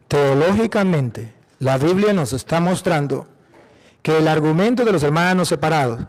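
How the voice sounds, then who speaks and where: A priest from Venezuela with a Venezuelan accent, preaching emphatically, repeating phrases and asking rhetorical questions. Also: male voice, fairly high pitch, a little mellow. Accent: Venezuelan Spanish. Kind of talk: apologetic preaching.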